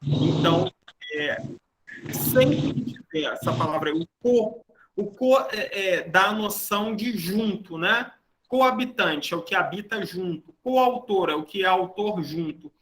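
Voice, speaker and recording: Bright high-voiced male teacher. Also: lively intonation, unhurried, slight background noise. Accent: Brazilian Portuguese. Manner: explanatory, checks in with the class often. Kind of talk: online grammar lecture.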